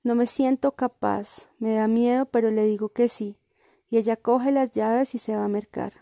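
A woman reading a first-person literary story in a calm, measured way. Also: on the high side, creaky, no room sound, clean studio sound. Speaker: reader.

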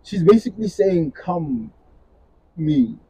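A young man in his twenties co-hosting a podcast, telling stories in slangy, animated casual chat. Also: high-pitched, slow, breathy edge, no echo, poor audio. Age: 20s. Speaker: podcast co-host.

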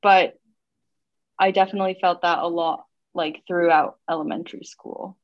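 Speaking at a moderate pace with a fairly low voice, a young Missouri woman looks back on her life during a laid-back interview. She's relaxed and thoughtful, using lots of fillers like "um" and "like," in a dry, dull-sounding recording.

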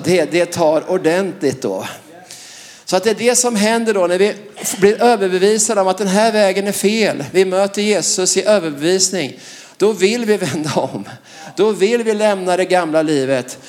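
Preacher guy, pretty high voice, fired up and emphatic, keeps tossing in little laughs. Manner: lively and emphatic, laughs between phrases, frequent "va?". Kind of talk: sermon.

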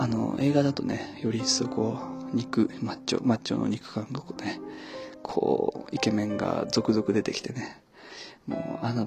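Quiet mumbling man hosting a podcast. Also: medium pitch, vocal fry. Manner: quiet, mumbling, self-deprecating asides. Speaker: podcast host. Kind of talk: casual solo podcast chat.

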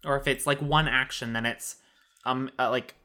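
A man running a tabletop game as game master, loose and casual with plenty of fillers. His voice is bright and clear. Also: medium pitch, fairly even intonation, moderate pace. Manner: casual, filler-heavy, laughing often.

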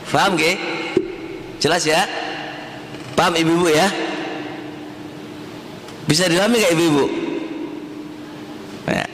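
A man's voice: on the high side, steady tone, takes it slowly, pauses often, a bit bright, a little hiss or hum. A man giving a conversational sermon to a study circle, often asking the audience questions. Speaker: Islamic teacher. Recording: long hall reverb.

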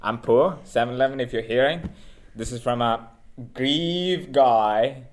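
A man's voice: medium pitch, a little slow. A man from India hosting a casual podcast chat, joking and repeating himself as he talks. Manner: animated, jokey, repeats himself. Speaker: podcast host.

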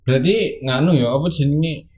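A man's voice: fairly high pitch, brisk, darkish tone. A young man hosting a casual chat, asking questions and talking reflectively. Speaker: host.

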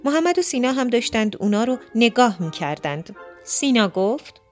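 A woman narrating a children's storybook in an expressive, lively reading. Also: fairly high pitch, soft background music.

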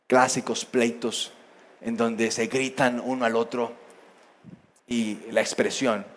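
A male pastor preaching theatrically, at times dropping to a soft, near-whispered voice. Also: mid-range voice, little pitch movement, takes it slowly. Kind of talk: sermon.

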